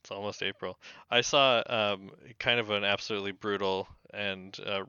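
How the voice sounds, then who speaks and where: A man's voice: fairly low pitch, steady tone, moderate pace, pushed and bright, smooth, no room sound. A man co-hosting a podcast in casual, wry chat, heard over a remote call with a tinny tin-can sound. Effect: tinny tin-can sound from remote recording. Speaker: podcast co-host. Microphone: remote call setup. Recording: dull lo-fi remote call audio.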